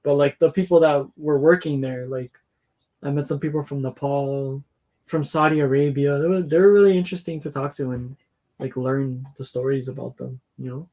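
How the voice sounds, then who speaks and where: A man's voice: mid-range voice, steady tone, normal speed, warm tone. A man co-hosting a football watchalong, telling long rambling stories with lots of fillers and restarts. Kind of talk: casual chat.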